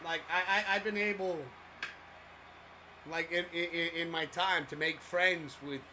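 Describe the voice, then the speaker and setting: A man's voice: fairly high pitch, steady tone, a little slow, bright, forceful tone, slight background noise. A man co-hosting a live sports stream, chatting casually and rambling with lots of fillers while reading out viewer messages. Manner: loose and rambling, many fillers and restarts.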